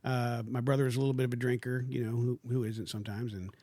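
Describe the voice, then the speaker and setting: A man's voice: medium pitch, little pitch movement, fast, mellow, no echo. A man from Houston sits in as a podcast guest and tells family stories at an easy, rambling pace. He keeps reaching for "you know" as he goes. His voice sits in a middle range, recorded close and dry in a studio. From Houston, Texas. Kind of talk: casual chat, storytelling.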